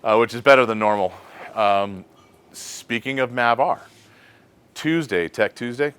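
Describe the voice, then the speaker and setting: A man with an American accent hosting a casual shop question segment, thinking aloud in a relaxed way with frequent fillers. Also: medium pitch, unhurried, clear, resonant tone.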